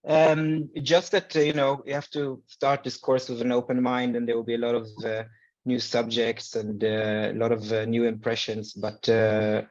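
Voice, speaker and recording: A man's voice: medium pitch, little pitch movement, moderate pace, a little mellow, dull audio. A middle-aged man from Sweden speaking as an alumni guest on a video call, hesitant with many fillers. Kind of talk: casual panel answers on video call.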